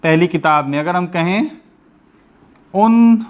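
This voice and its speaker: A man's voice: high-pitched, slow pace. A man teaching a grammar lesson over an online class. He explains step by step, asking the class questions and then answering them himself.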